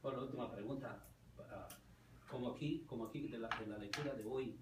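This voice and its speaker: A man's voice: medium pitch, fairly quick. A man taking part in a Bible class, hesitant and stumbling over repeated words. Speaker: class participant. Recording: roomy, distant mic, clear noise.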